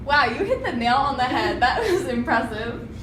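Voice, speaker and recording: A higher-pitched woman asks the questions in an encouraging, upbeat way. Her voice carries a roomy echo. A steady hum of background noise sits underneath. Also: moderate pace, far from the mic. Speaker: interviewer.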